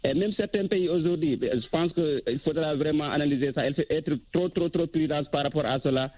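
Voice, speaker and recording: A man calling in to a radio show from Senegal, giving his opinion haltingly and leaning on stock filler phrases over the phone. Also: a little high, no room sound. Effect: phone call into a radio show. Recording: tinny phone line.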